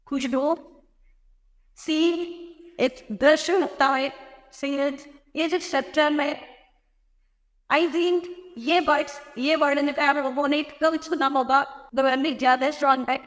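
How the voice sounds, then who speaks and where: A high-pitched woman with an Indian accent gives a patient classroom-style lesson. She says each rule slowly and repeats it. Her voice rings with a long room reverb. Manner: explains slowly, repeats phrases, mixes in English words. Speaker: English teacher.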